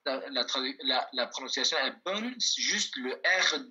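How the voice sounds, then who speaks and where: A man's voice: mid-range voice, expressive, pushed and bright. Patient male teacher on a video call. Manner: patient, repeats words slowly, checks in with "ok?". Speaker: language teacher. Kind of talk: online language lesson. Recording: dull lo-fi video call audio.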